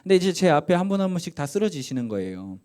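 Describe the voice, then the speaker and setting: A man preaching a sermon as pastor, telling a personal testimony, dropping to soft asides and rising to loud emphatic peaks. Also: fairly high pitch, sing-song, fast talker. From South Korea. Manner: storytelling testimony with dramatic acted quotes.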